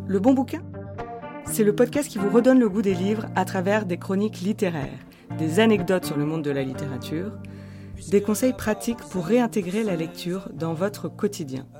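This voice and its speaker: A French woman hosting a literary podcast, reading a scripted monologue in a lively, playful storytelling way. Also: on the low side, moderate pace, over music. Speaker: podcast host.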